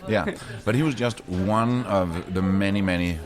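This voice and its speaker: A man hosting a podcast, chatting casually with a guest and telling stories in a relaxed way. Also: sits low, normal speed. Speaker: podcast host. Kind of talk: casual interview chat.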